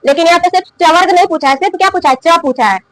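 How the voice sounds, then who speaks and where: A woman's voice: very high-pitched, racing, dry recording, low-quality recording. A woman teaching a grammar lesson, asking questions aloud and answering them herself, repeating key terms. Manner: coughs now and then. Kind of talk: classroom lesson explaining and drilling.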